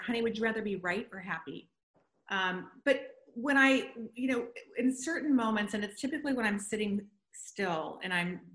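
Earnest woman with a bright voice. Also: mid-range voice, roomy sound. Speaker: guest, business owner. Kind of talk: casual conversation.

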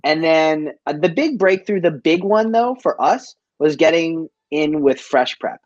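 A chef and business owner from East Boston, USA, guests on a casual interview, telling stories in slangy, informal speech with frequent "like." His voice is a little high and darkish, his intonation lively, and his pace measured. It's a dry recording with the highs cut off.

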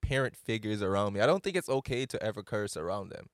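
A man's voice: lowish voice, lively intonation, quick pace, no room sound, studio quality. A man in his late twenties, hosting a loose, rambling casual chat with plenty of slang. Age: late 20s.

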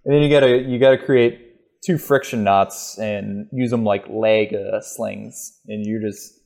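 A man as a guest in a casual talk, relaxed and swearing freely as he talks through practical steps one by one. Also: fairly low pitch, measured pace, gravelly. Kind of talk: casual chat.

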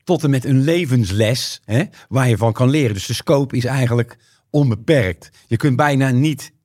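A man with a Rotterdam accent speaks with a voice strained and worn from overuse. He talks in an animated way, tossing in tag questions. The sound is close and dry, with no room around it. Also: mid-range voice, moderate pace, no echo. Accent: Rotterdam Dutch. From Rotterdam, Netherlands. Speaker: guest speaker. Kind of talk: podcast conversation.

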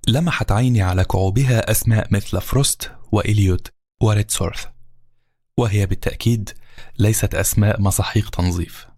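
A man narrating a novel in a calm, measured storytelling voice. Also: lowish voice, no echo, studio quality. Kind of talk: audiobook narration. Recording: narration over background music.

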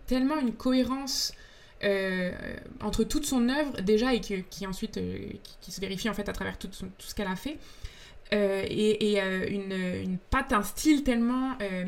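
A young adult woman, a podcast guest, talking about films in a thoughtful, enthusiastic way while she searches for her words. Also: mid-range voice. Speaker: podcast guest, comics author and film student. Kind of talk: casual interview talk.

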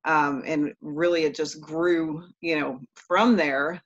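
Podcast host, casual interview, rambling, joking, mid pitch. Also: steady tone, slow pace, fairly bright tone, lo-fi sound, slight background noise. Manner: loose, joking, rambling sentences.

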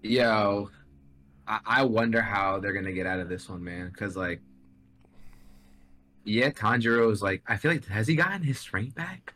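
Young male podcast co-host, lowish forceful voice, frat-bro slang, enthusiastic casual anime chat. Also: normal speed, pauses often, slight background noise.

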